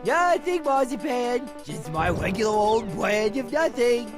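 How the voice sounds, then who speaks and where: An actor playing a goofy, excitable, dim-witted cartoon athlete with silly mock-military bluster in a video game. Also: male voice, very high-pitched, unhurried. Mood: evasive, smug. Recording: music behind the voice.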